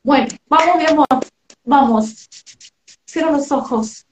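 Rioplatense woman, medium on a live stream, soft and loving, kinda high voice, roomy echo. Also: measured pace, a little hiss or hum. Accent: Rioplatense Spanish. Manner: tender, affectionate, relaying messages. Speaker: medium hosting a live session. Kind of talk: live spiritual reading.

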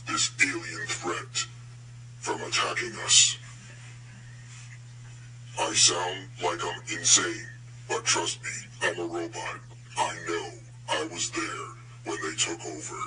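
A man voicing a male robot from the future who gives urgent warnings in a gravelly, swooping voice, recorded from off-mic. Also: low-pitched, pushed and bright, far from the mic, a little hiss or hum, heavily acted, rough recording.

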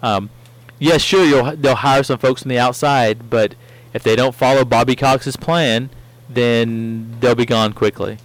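A man's voice: mid-range voice, fairly even intonation, a little slow, low-quality recording. A man co-hosting a podcast, rambling with opinions in a casual chat. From near Atlanta, US. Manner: rambling, many fillers, opinionated. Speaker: podcast co-host.

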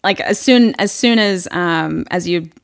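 A woman's voice: lowish voice, a little slow, creaky. A woman marketing consultant who runs her own business, speaking in a candid, chatty way full of "like" and restarts as a podcast guest. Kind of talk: casual podcast interview.

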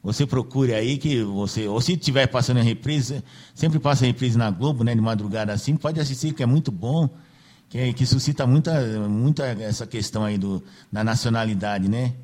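This radio host speaks in a somewhat mellow mid-range voice at a moderate pace. His casual on-air talk is loose and packed with fillers, and he keeps seeking agreement by ending nearly each phrase with "né."

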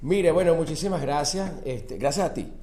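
A man with a Venezuelan accent, hosting a casual chat in a relaxed, easygoing way. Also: on the high side, moderate pace. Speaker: host. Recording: echoey room with faint noise.

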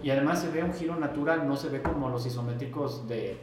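A man's voice: medium pitch, fast. A Mexican man telling a story in a casual interview, acting out past conversations in a livelier voice. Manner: animated, acts out past dialogue in raised voice. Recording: very echoey room, faint noise.

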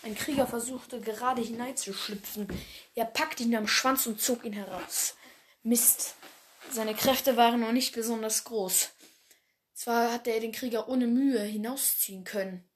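A woman's voice: fairly high pitch, steady tone, measured pace, a little hiss or hum. A woman reading her own animal fan story aloud, often stumbling and correcting herself, with casual slangy asides. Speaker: story reader.

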